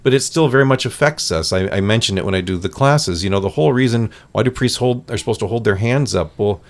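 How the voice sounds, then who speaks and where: In a fairly low, fast voice, a central Iowa man who is a priest speaks as a guest on a studio talk show. The podcast conversation takes place in a radio studio, and he explains earnestly, restarting often.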